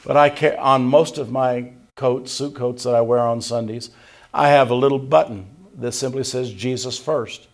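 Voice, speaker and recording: An older male pastor delivers a sermon in a gravelly voice, his pitch sitting in the middle range for a man. He preaches with emphatic pushes that drop into quiet, hushed asides, and he quotes scripture in old-fashioned wording. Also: steady tone, moderate pace. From Tennessee, USA.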